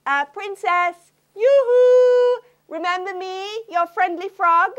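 A woman's voice: very high-pitched, takes it slowly, dull audio, voice pushed up. A woman voicing a cheerful, eager male frog who sings and chirps his lines.

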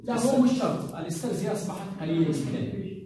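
Male lecturer, mellow, quick delivery, quizzes his class, recorded from afar in a reverberant room. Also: sits high, animated. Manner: quizzing students with rhetorical questions; mixes English drug terms into colloquial Arabic. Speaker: pharmacology lecturer. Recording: echoey classroom from a distant mic with faint noise.

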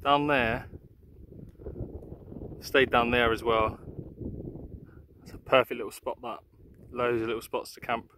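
A young outdoor vlogger walks an open hillside talking casually and upbeat to a camera at arm's length, using many fillers. His medium-pitched voice is bright and forceful, fairly even in intonation, a little slow with frequent pauses. The audio is poor, with slight background noise.

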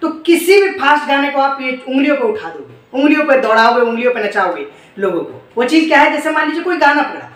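High-voiced man teaching dholak. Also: big pitch swings, fairly bright tone, echoey room, far from the mic. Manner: reciting drum syllables in quick rhythmic bursts; encouraging, addressing viewers as friends. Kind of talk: instructional video. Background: dholak drumming.

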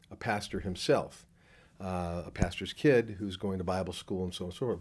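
An older man, a film producer, answering interview questions at a convention with many fillers and restarts, into a handheld mic. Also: on the low side. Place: convention room before a poster wall. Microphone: handheld mic held by the interviewer.

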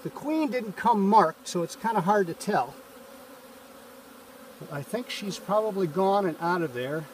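Filmed outdoors on a farm by a camera a few feet off, a man in a bee suit and veil, a hobby beekeeper, calmly explains each step of a hive check while working. He speaks at a measured pace in a high-pitched voice; the distant audio carries slight background noise and buzzing bees.

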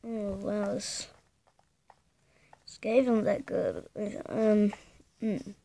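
A woman's voice: medium pitch, fairly even intonation, very slow, gravelly, dark tone. A young woman casually commentating her gameplay, thinking aloud hesitantly and humming to herself. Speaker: gamer.

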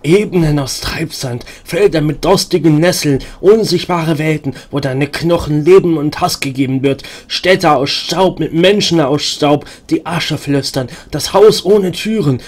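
A man voicing a ragged, half-mad woman in a computer role-playing game who raves about doors to other places, read aloud in a raised, excited voice. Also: a little high, measured pace, few pauses. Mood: raving.

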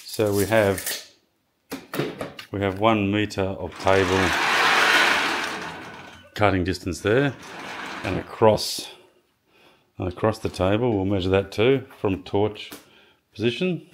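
A man casually walking through his workshop build, halting often with ums and restarts as he measures and explains. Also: lowish voice, slight background noise. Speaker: home builder showing his project. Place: home garage workshop.

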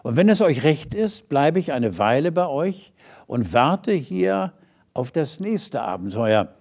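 A man's voice: on the high side, big pitch swings, slow, gravelly, darkish tone, full character voice. Man playing a naive little star. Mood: curious. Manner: wondering, innocent questions. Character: tiny naive young star, curious. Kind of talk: storybook reading.

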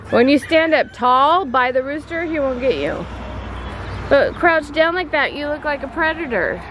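A woman's voice: sits high, lively intonation, normal speed, background noise. A woman vlogging outdoors on her homestead, patiently coaching her child in a chatty way and talking to the camera. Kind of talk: casual vlog talk to her child and camera. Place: outdoors on a farm yard.

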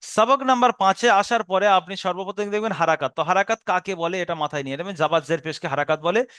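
A high-pitched man with a Bengali accent walks learners through a Quran reading lesson one careful step at a time. His voice is smooth and resonant, recorded close and dry with no room sound. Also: a bit bright, no echo. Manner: patient step-by-step explanation, spelling out syllables slowly.

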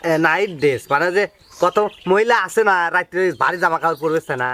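A man's voice: fairly high pitch, animated, a little fast, bright, forceful tone. Cheeky village hawker, as a man plays him. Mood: pushy. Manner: sing-song sales patter, wheedling. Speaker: street hawker. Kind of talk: rural comedy drama acting.

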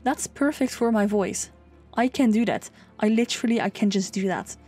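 A woman's voice: normal speed, darkish tone, breathy edge, soft background music. A young woman chatting casually over a build, rambling with lots of fillers. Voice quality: low singing voice. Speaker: sims speed builder.

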